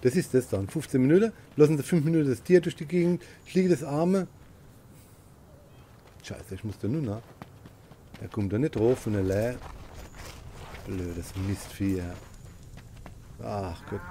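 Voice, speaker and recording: A man playing a co-op video game, chatting casually with his partner and shouting excitedly at the monster. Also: medium pitch, a little hiss or hum. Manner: talks to himself and partner, excitable outbursts, cursing at the monster. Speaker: gamer playing co-op. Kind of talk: casual gaming commentary.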